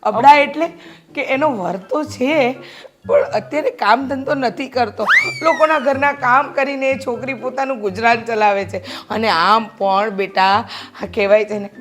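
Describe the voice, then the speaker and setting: A woman's voice: a little high, normal speed, fairly bright tone, faint music behind, close to an everyday voice. An actress playing a kind-hearted middle-aged mother who talks earnestly and persuasively. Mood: persuading. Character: kind-hearted mother, lecturing her grown son. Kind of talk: short film drama acting.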